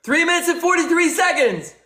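A man hosting a livestream, repeating phrases and shouting countdowns to rally his viewers. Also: very high-pitched, lively intonation, a little fast. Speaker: livestream host. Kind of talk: hyping viewers during a live battle. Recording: echoey room with faint music.

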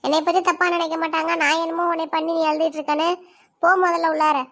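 A sharp, bossy stepmother barks curt orders in a high, flat-toned voice, as a woman puts her on. She is impatient and cold, every line a scolding command in a cartoon drama. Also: fast. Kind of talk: cartoon voice acting.

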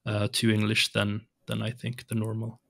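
Speaking English as a podcast guest, this young man from Sweden, a native Swedish speaker, hesitates and restarts many times in a casual interview. His voice is fairly low with vocal fry, a bit bright, totally flat and moderately paced; he sits in a home room with shelves and colored lights, using headphones and a big studio mic on an arm.

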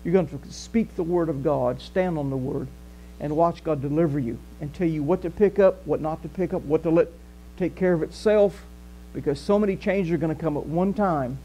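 An older Southern US man with a fairly high voice delivers a conversational sermon at normal speed as pastor of a small church hall, gesturing animatedly and walking the stage. The audio sounds dull, with a faint mains hum.

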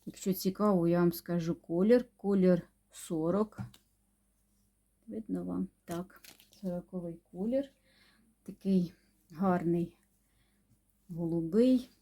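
Mellow-voiced woman chatting about her knitting. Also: on the low side. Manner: unhurried, chatty, with many pauses and hums. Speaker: knitting vlogger. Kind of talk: casual show-and-tell chat.

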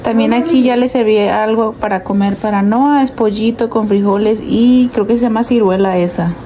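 Filming herself on a phone at arm's length in her kitchen and bedroom, a stay-at-home mom in her thirties chats casually with viewers she addresses as "girls." Her voice is fairly high and moderately paced, and the background is noisy.

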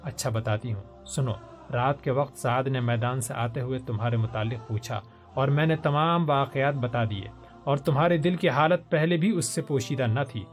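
A man's voice: medium pitch, faint music behind, close to an everyday voice. A man voicing a playful, mischievous young woman who teases her friend in a storybook. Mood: teasing. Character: teasing older sister-figure, playful and mischievous.

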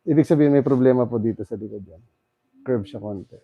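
A man working as a bone setter, calmly coaching a client to relax, breathe in and breathe out. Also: medium pitch, fast talker, slightly rough, dry recording, narrow, tinny audio. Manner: coaxing, repeats calm instructions. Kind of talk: guiding a client through a massage.

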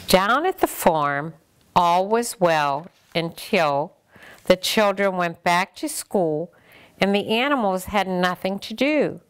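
An older woman reads a picture book aloud to children, gentle and expressive. Her voice is smooth and clear, at a middle pitch, and she takes her time with every line. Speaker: storyteller.

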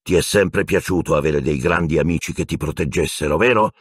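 A man's voice: a bass voice, husky, no echo, clean studio sound. A man doing a growling, venomous escaped wizard. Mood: furious. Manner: cold, accusing, slow menace. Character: bitter escaped prisoner wizard, menacing and venomous.

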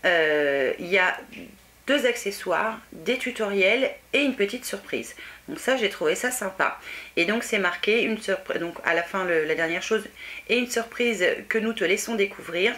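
A woman's voice: medium pitch, expressive, normal speed, fairly bright tone. A young woman chatting casually through an unboxing, self-deprecating, with many fillers. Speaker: beauty vlogger.

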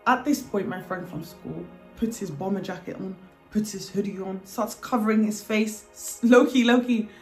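A woman with a mid-pitched voice tells her own story with lively, dramatic energy. She acts out what people said as she goes. Faint music sits in the background. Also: normal speed. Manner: animated, dramatic retelling with acted quotes. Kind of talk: personal storytelling to camera.

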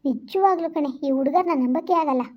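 A hurt, jealous young woman, played by an actress, scolding in quick, high bursts. Her tone is reproachful and stubborn. The sound is dull and lo-fi, as in a homemade village skit. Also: close to an everyday voice. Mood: brooding. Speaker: amateur skit actor. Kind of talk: village vlog skit acting.

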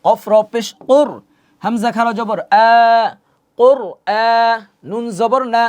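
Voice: medium pitch, steady tone, slow pace, darkish tone. A Quran reading teacher giving an online lesson, patiently spelling out Arabic letters and vowel marks syllable by syllable and repeating drills. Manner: patient, asks questions to the learner and answers them.

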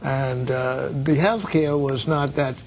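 An older man from the Bahamas interviewing a guest in a TV studio, halting, with many repeated words and fillers. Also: medium pitch, steady tone, lo-fi sound, a little hiss or hum. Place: dark TV studio. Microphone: lapel mic.

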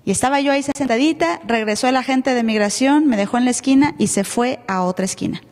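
A woman pastor from Mexico with a Mexican accent, telling her testimony in an animated sermon style. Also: sits high, fast. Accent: Mexican Spanish. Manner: animated storytelling, acting out dialogue. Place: church. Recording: reverberant church live stream.

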